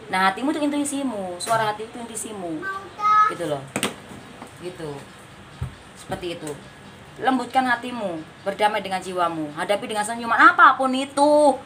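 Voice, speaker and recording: A woman's voice: mid-range voice, a bit bright, a little hiss or hum. A woman doing a casual spiritual card reading, chatty and coaxing, sometimes with a scolding tone. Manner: chatty, coaxing, refers to herself by name; scolding tone at times. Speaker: card reader.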